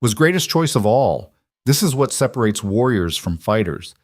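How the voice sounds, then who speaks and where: A man voicing a huge scarred male fighter who talks slowly and gravely, with a heavy accent and broken grammar. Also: mid-range voice, sing-song, dry recording, clean studio sound. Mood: solemn.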